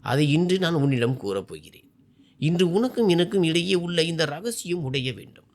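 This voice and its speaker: A man voicing a calm blind young husband who speaks low and steady with quiet confidence in a told story. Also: moderate pace. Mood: confiding.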